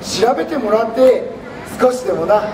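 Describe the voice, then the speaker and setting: A man's voice: very high-pitched, sing-song, fairly quick, heavily acted. A man playing a jovial, folksy samurai warlord on stage, speaking theatrically in archaic lordly Japanese turns of phrase with a Nagoya accent. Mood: jovial, grand. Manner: theatrical, archaic lordly speech, projecting to audience. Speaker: costumed history performer and host. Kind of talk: live stage history lesson in samurai character. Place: large public indoor event stage. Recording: echoey noisy hall, crowd, far off.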